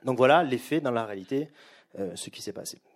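Middle-aged man, lecturer, hesitant measured delivery, pauses and restarts, mid-pitched voice. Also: expressive. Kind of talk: public lecture to a live audience. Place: lecture room with an audience.

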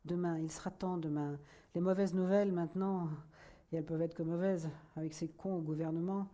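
A woman voicing a vain, irritable middle-aged novelist who lectures pompously and flares up quickly. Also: mid-range voice, mellow, pitched above the performer's own voice, close to an everyday voice. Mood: furious.

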